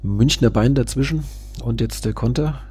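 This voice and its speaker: A man's voice: medium pitch, moderate pace, slightly rough, faint music behind. A man calling casual play-by-play football commentary, describing the action as it happens. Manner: describes the action, sometimes excited. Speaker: fan co-commentator.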